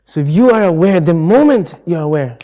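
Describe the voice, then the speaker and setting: A man's voice: on the high side, expressive, a little fast, warm tone. A man giving a casual, conversational Dharma talk at a Buddhist centre, explaining ideas through everyday examples. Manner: acts out voices in quotes.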